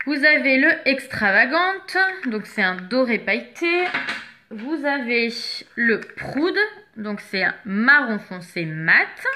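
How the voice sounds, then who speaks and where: A woman with a slightly high voice chats casually while showing makeup products one at a time, with some background noise. As a seller presenting her goods, she pauses now and then to look for an item she can't find.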